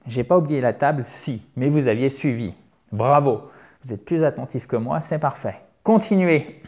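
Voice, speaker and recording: A man's voice: medium pitch, animated, normal speed, a little mellow. A man teaching English pronunciation in an online lesson, playfully stretching vowel sounds to demonstrate them and often checking in with his listeners.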